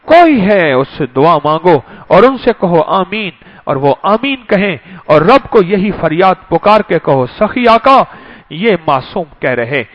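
Man, sermon, emotional, repeats phrases, swooping pitch. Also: sing-song. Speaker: religious speaker. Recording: dull lo-fi recording.

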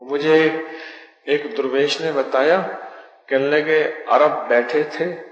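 A man preaching a sermon from the pulpit to a seated audience, lively and joking with his listeners, reciting verse along the way. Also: a little high, dull audio. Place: large hall with a pulpit. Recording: echoey hall reverb.

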